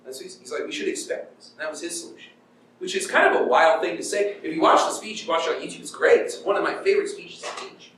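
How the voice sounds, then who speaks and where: Here a middle-aged lecturer talks fast with a fairly high pitch and fairly bright tone, keeping his university talk conversational, acting out paraphrased quotes, and pausing to check on his audience. The lecture room is very echoey, the mic sits far away, and background noise is audible.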